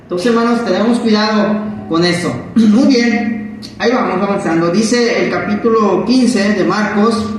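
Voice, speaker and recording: A man's voice: sits high, a little slow, a little hiss or hum. A man preaching a Bible-study sermon, asking the congregation questions and acting out quotes. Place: church hall. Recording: very echoey hall from far off.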